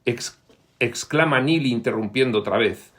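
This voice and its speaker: A man giving a reflective explanatory talk on spiritual teachings, pausing often with fillers and reading quoted passages in a raised, livelier voice. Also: medium pitch, fairly bright tone. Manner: reflective, pauses with frequent fillers.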